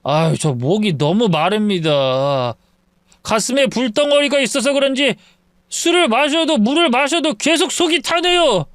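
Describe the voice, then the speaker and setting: Guy putting on a sloppy drunk son-in-law, whiny and high, dragging his words out, dry close sound. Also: lively intonation, a bit bright, no echo. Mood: drunk pleading. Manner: slurred, pleading and drawn-out. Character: drunk, self-pitying young husband, whiny.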